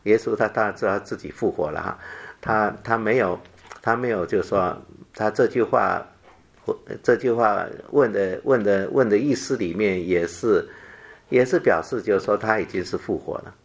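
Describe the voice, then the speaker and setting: A man with a fairly low voice gives a Bible teaching sermon. He talks haltingly, with fillers and repeated phrases. When he reads the scripture quotes, he drops to a softer voice. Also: gravelly. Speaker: preacher.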